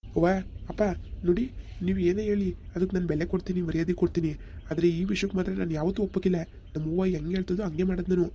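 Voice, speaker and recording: A man playing a young village son who fiercely defends his mother, quick and defiant. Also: high voice, fairly even intonation, warm tone, slight background noise. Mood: firm.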